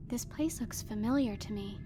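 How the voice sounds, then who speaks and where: A woman's voice: fairly high pitch, moderate pace, noisy background, natural voice. A voice playing an anxious young woman searching for her missing brother in a horror story. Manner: anxious and urgent.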